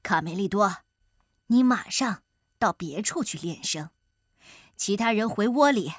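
A woman's voice: medium pitch, animated, a little slow, no echo, clean studio sound. A woman voicing a stern father rooster giving orders in a children's storybook. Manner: commanding. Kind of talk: storybook voice acting.

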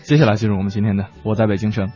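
A man's voice: lowish voice, level tone, racing, warm tone. A man co-hosting a talk show, chatting playfully and reading out listener messages. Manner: playful, jokey, teasing. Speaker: radio co-host. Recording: dull lo-fi sound with faint music.

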